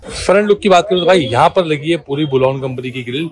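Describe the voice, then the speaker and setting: In a sales pitch walkthrough video, a man with a high-pitched, expressive voice hurries from one part to the next, selling car accessories in a shop. Pushy like a salesman, he keeps calling the viewer brother and rattles off sale prices.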